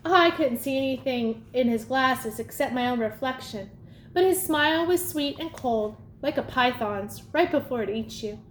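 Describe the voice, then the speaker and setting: A woman reading a storybook aloud in a lively first-person telling. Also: sits high, moderate pace, a little hiss or hum. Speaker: audiobook reader. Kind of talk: storybook narration. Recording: echoey room, faint ambience.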